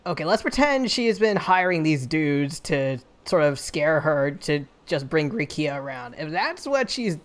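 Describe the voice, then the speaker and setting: A woman's voice: low voice, big pitch swings, measured pace, hardly any pauses. Giggly woman streamer rambling. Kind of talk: game commentary while voicing characters.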